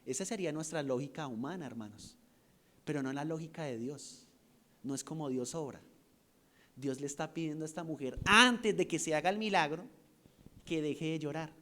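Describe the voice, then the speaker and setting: Man preaching, high voice, rhetorical questions, loud then hushed. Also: normal speed, slight background noise. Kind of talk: sermon.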